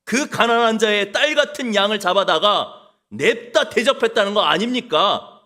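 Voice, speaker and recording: Male pastor, sermon, dramatic storytelling, bright tense voice. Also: animated, normal speed. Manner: dramatic storytelling, drops to soft low lines. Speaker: senior pastor. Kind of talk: sermon with acted scenes.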